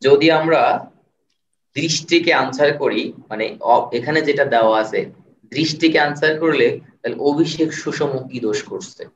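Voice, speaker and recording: Man, online tutor, patient, repeats and sounds words out slowly, somewhat high pitch, dull lo-fi sound. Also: a little hiss or hum. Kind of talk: live online lecture. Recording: roomy, distant, dull sound.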